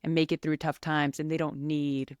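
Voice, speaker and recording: A young woman hosts a conversational podcast, her voice sitting on the lower side. She talks in a measured, reflective way as she introduces guests and asks questions. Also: flat delivery, a little mellow, dry recording, studio quality. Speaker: podcast host.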